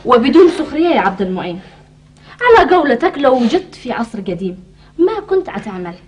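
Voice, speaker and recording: An actress playing a practical, gently scolding wife in a television drama, questioning and insistent, with a Yemeni accent. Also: female voice, high-pitched, sing-song, quick pace, slight background noise.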